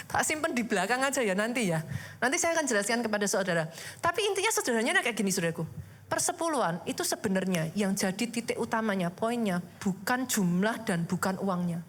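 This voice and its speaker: A woman pastor, preaching a sermon in a lively, conversational way full of rhetorical questions. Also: a little high, a little fast, slight background noise. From Indonesia.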